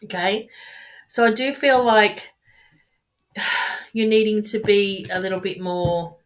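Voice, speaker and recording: A woman reading tarot cards for viewers on a live stream. She talks in a warm, rambling, chatty way, often stopping to restart a sentence. Her voice sits in a middle pitch for a woman. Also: slow pace. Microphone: webcam or phone mic on a live stream.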